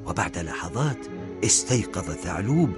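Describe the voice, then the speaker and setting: A man with a fairly low voice narrates a children's story, measured and expressive. Soft music runs faintly beneath him.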